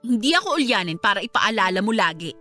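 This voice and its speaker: A woman's voice: medium pitch, very animated, quick pace, pushed and bright, faint music behind. A woman playing a cruel, haughty employer who scolds with contempt in a radio drama. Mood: scornful.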